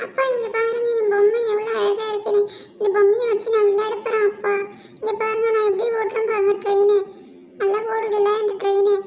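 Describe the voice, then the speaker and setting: A woman's voice: very high-pitched, little pitch movement, brisk, a little mellow, a little hiss or hum, voice pushed up. A woman voicing a whiny little boy who begs for toys in a cartoon story, with a whining, pleading manner. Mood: excited.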